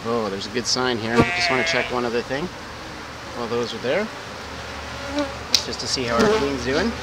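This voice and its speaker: Heavy background noise surrounds a forty-something beekeeping vlogger as he explains his work step by step beside his beehives in a garden. The style is a casual how-to, delivered at normal speed with a medium pitch and lively intonation.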